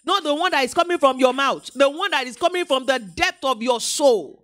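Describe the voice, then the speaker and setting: A woman preacher, delivering an animated live sermon in a church, acting out quotes and bantering with the congregation. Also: sits high, fairly quick. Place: church hall.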